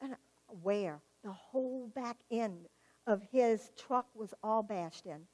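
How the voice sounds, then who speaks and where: A woman's voice: a little high, measured pace, husky. A woman giving a personal testimony in church, telling her story vividly and acting out the dialogue. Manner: animated storyteller, acts out quoted dialogue, laughs at herself.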